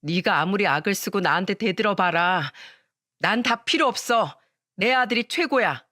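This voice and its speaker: A woman's voice: mid-range voice, animated, bright, forceful tone, no echo, clean studio sound. Woman doing a cold, scolding middle-aged mother. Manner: slow, scolding, threatening. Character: cold, harsh middle-aged mother favoring her son.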